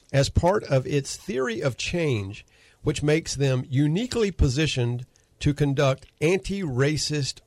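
Folksy talk radio host. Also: male voice, mid-range voice, a little mellow, no room sound. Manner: folksy, sarcastic, lots of fillers. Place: radio studio. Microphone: studio microphone.

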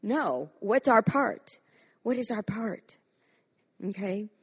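A woman's voice: on the high side, slow pace, breathy edge. A woman pastor preaching a fervent sermon and leading corporate prayer, acting out quoted voices with frequent restarts.

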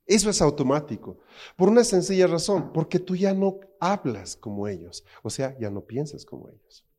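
A man's voice: fairly high pitch, sing-song, normal speed, warm tone. A man preaching a sermon with emphasis, often asking the congregation rhetorical questions.

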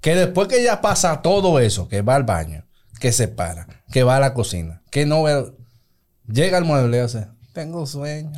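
A man, co-hosting a podcast and trading animated complaint anecdotes. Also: mid-range voice, normal speed. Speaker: podcast co-host. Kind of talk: casual chat.

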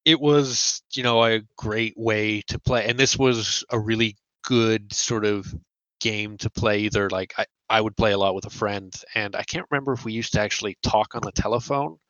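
A man's voice: on the low side, fairly even intonation, moderate pace, a bit bright, no echo. A man co-hosting a podcast in casual chat, with playful, self-mocking asides. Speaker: podcast co-host. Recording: dull, dry lo-fi sound.

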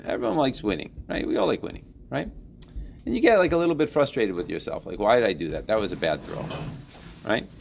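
A man teaching a class, lively and playful, building to emphatic points with everyday examples. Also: lowish voice, gravelly, slight background noise. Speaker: Torah teacher. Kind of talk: classroom lesson.

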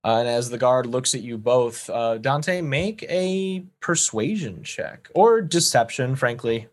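A man's voice: medium pitch, unhurried. Laid-back male game master. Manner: laid-back, filler-heavy. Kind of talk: narrating a tabletop game.

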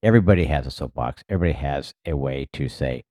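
A low, dark-toned man talks casually on a podcast. He rambles and leans on "you know" constantly. His voice sounds dry and close, with no room echo. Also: lively intonation, quick pace. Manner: rambling, filler-heavy, many "you know"s. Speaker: podcast co-host, former racing team member.

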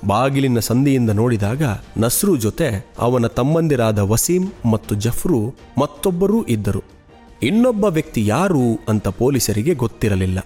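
A man narrating a true-crime podcast in a measured, steady storytelling voice. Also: medium pitch, slightly rough, soft background music.

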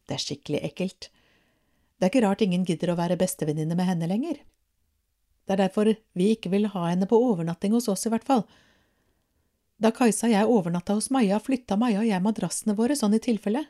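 A woman's voice: mid-range voice, warm tone, close to an everyday voice. A woman reading the lines of a spiteful schoolgirl who taunts a classmate in a storybook. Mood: shouting.

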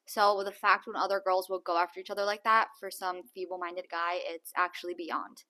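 A woman's voice: lowish voice, flat delivery, brisk, sharp tone. A young woman chatting casually as a podcast co-host, emphatic and opinionated, with some swearing. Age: young adult. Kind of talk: casual chat.

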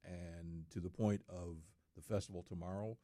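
A man's voice: deep voice, steady tone, moderate pace, dark tone, no echo. A middle-aged man in casual studio talk, speaking earnestly and repeating words for emphasis.

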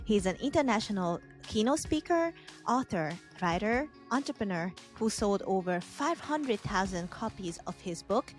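A woman hosting a podcast interview, introducing her guest and asking questions in an eager, enthusiastic way. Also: on the low side. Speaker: podcast host.

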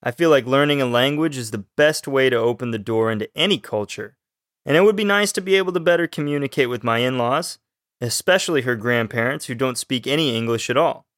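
A man from Texas, co-hosting a scripted language podcast as the student and reading his lines in an even delivery. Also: medium pitch, brisk, no echo, clean studio sound. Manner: even, read-aloud delivery. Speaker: student co-host.

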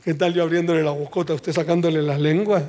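A man's voice: a little high, fairly even intonation, quick pace, darkish tone. A man, a pastor preaching a sermon and calling out questions for the congregation to answer. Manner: preaching with call-and-response questions and acted quotes. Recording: long reverb of a large hall.

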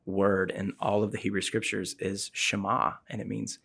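A man with a low, gravelly voice talks through scripture in a relaxed, conversational way. He is earnest and explanatory, and he often fills his sentences with "um" and "like". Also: normal speed. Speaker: podcast host discussing the Bible. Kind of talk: casual Bible discussion.

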